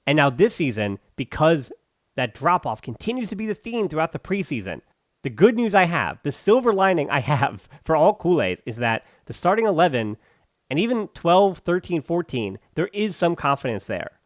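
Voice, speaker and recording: A man's voice: on the high side, very animated, normal speed, no echo, clean studio sound. A man hosting a football podcast, giving emphatic, opinionated analysis with sarcastic asides and bursts of ranting. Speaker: podcast host.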